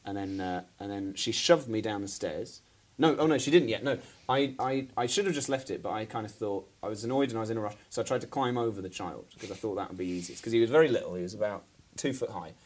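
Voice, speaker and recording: A man's voice: on the low side, fast talker, hardly any pauses. A man co-hosting a podcast, telling a long story in a rambling, self-deprecating way and laughing often. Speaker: podcast co-host. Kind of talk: casual storytelling chat.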